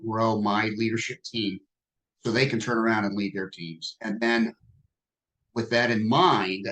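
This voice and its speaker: A man in his sixties, a business owner speaking as a podcast guest in a relaxed, self-deprecating conversational way. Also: fairly low pitch, unhurried, rough recording. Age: 60s. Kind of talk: podcast interview.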